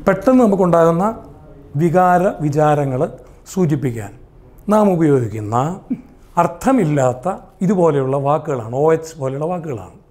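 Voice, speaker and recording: A man's voice: on the high side, warm tone. A man with a Malayali accent teaching English grammar, asking the class questions and then answering them himself. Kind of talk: explaining grammar in a lesson.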